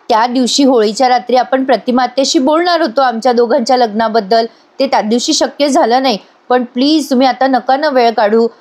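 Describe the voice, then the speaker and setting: A woman's voice: high-pitched, a little mellow, lightly acted. A woman voicing a complaining, ambitious young man. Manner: complaining, pushy.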